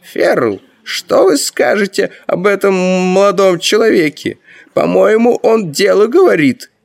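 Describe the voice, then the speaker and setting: A man doing a high-voiced wavering magistrate. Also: animated, measured pace, gravelly, heavily acted. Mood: astonished. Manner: hesitant, then astonished. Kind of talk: audiobook narration.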